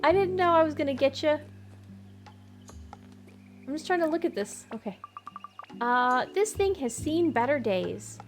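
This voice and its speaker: A woman's voice: high voice, expressive, unhurried, pauses often, faint music behind. A woman streaming a game live, chatting in a giggly, apologetic way.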